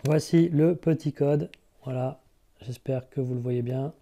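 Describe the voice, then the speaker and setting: A man's voice: medium pitch, measured pace, mellow. A man from France working as a recruiter, giving direct, chatty job interview advice straight to his viewers in a casual video.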